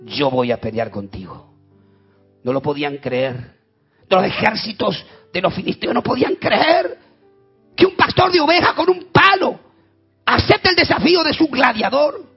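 A man with an Argentine accent preaching a sermon, telling stories dramatically and swinging between loud and quiet. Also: very high voice, sing-song, moderate pace, creaky, husky, highs cut off, soft background music. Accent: Argentine Spanish. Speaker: pastor.

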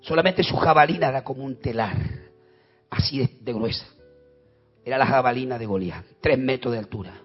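A man with an Argentine accent preaching a sermon, telling stories dramatically and swinging between loud and quiet. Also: mid-range voice, a little fast, breathy edge, dull audio, soft background music. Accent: Argentine Spanish. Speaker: pastor.

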